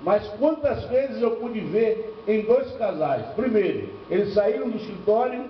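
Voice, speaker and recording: Speaking in a voice that sits high, this older Bahian pastor is expressive and measured as he tells humorous stories with rhetorical questions during a church seminar. He comes from Bahia in Brazil's northeast, and the distant, echoey lo-fi capture of the church hall carries a faint hiss or hum.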